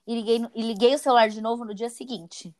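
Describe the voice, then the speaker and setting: A woman's voice: on the high side, fast. A young woman, a podcast host telling a dating story in casual, slangy chat. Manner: animated storytelling, slangy and profane.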